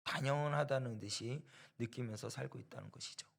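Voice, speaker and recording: A man's voice: mid-range voice, a little fast, creaky. A male preacher giving a sermon, telling a personal story with rhetorical questions and repetition for emphasis. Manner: storytelling that acts out quoted voices. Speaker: preacher at a church.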